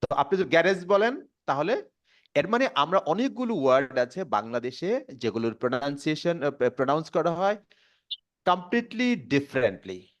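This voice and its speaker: A man with a Bangladeshi accent teaching English pronunciation to a class, repeating words slowly and quizzing the students. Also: on the high side, sing-song. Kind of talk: classroom lesson. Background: students responding.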